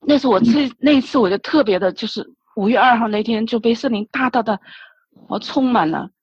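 Speaking a little high, fairly quickly, and with a slightly rough edge, a woman shares an emotional religious testimony as a church member. She recounts her prayers with lots of repetition and restarts, in a dry, dull lo-fi recording with no echo.

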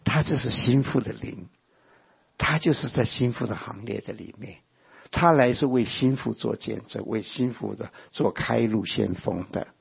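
Man, preacher, impassioned sermon, gravelly low voice, husky, muffled lo-fi recording. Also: normal speed. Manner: impassioned, swings between loud exhortation and soft intimate asides. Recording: muffled lo-fi sound.

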